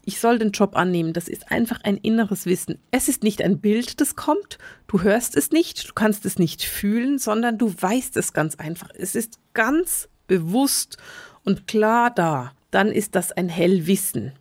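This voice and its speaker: A middle-aged woman talks very fast and urgently as she hosts a solo teaching podcast. Her voice sits at an ordinary middle pitch. It is recorded dry, with no room sound. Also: expressive, a little mellow, no echo. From Switzerland, grew up in Bern. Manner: talks very fast and urgently, repeats words for emphasis. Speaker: podcast host, spiritual medium.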